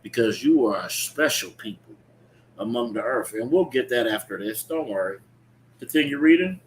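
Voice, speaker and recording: In a clearly noisy recording with ambient background sound, a man with a medium-pitched, animated voice preaches at a normal speed. He leads a scripture teaching in a street-preaching style, explaining the text emphatically, repeating phrases, checking in with listeners, and using call-and-response reading.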